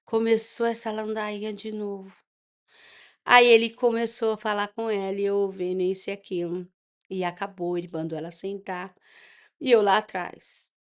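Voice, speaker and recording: A woman's voice: mid-range voice, steady tone, moderate pace, smooth. A middle-aged woman with a Brazilian accent, from Brazil, telling her personal testimony as an interview guest and acting out the dialogue in her story. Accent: Brazilian Portuguese.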